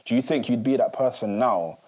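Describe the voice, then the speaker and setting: A man in his twenties with a brisk, slightly mellow mid-range voice co-hosts a podcast. He thinks aloud in a casual discussion, reflective and rambling with lots of fillers.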